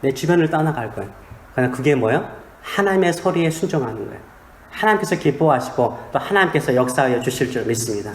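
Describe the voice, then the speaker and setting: A man's voice: mid-range voice, lively intonation, quick pace, a little hiss or hum. A man, a pastor, preaching a sermon in a small church, with humor and questions put to the congregation. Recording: echoey church sanctuary.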